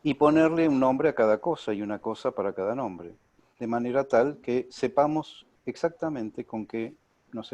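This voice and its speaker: A man's voice: mid-range voice, a little mellow, no room sound. Reflective Argentine man lecturing. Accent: Argentine Spanish. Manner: reflective, peppered with rhetorical "¿no?" asides. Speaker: panelist at an online lecture. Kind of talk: academic lecture. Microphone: video call.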